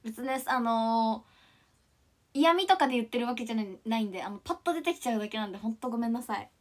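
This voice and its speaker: On her livestream, a young woman in her twenties from Ishikawa chats casually, giggling and reading comments aloud. She talks fast in a voice that's a little high, with lively intonation. Her accent is mostly standard Japanese with Kansai touches.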